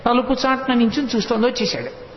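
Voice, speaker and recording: A man giving a devotional storytelling sermon, animated, chanting verses in a slow sing-song. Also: extremely high pitch. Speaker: religious discourse speaker. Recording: dull, echoey hall sound with faint noise.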